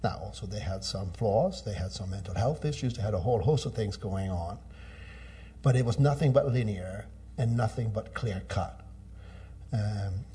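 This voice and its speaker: A man's voice: lowish voice, mellow. A middle-aged man, a business executive giving thoughtful, conversational interview answers. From Norway. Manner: thoughtful, with frequent restarts and fillers.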